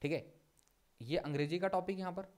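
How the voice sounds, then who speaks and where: High-voiced man teaching, repeating instructions. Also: fairly quick, darkish tone. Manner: repeats points over and over, instructing. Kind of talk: online lesson walking through a document.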